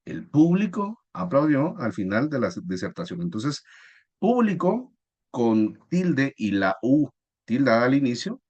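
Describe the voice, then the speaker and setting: Lively husky male teacher. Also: mid-range voice. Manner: explaining patiently, asks the class questions. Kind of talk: classroom lesson.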